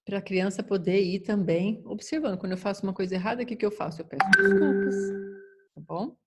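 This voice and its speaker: A woman's voice: mid-range voice, a little fast, very noisy. A woman giving an informal talk on raising children, often acting out what parents and children say. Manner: acts out parents and children in quoted lines. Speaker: parenting educator.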